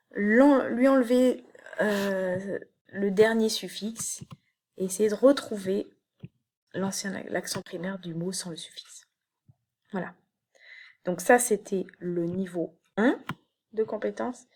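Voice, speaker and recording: Female teacher, recorded video lesson, slow and careful delivery, frequent hesitations. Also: medium pitch, mellow. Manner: slow, explanatory, with many fillers and restarts. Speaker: university teacher. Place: home, late evening.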